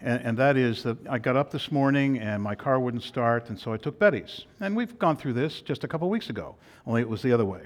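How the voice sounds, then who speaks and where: An older man, a pastor, preaching a sermon in a folksy, halting way with many restarts. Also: medium pitch, lively intonation. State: out of breath.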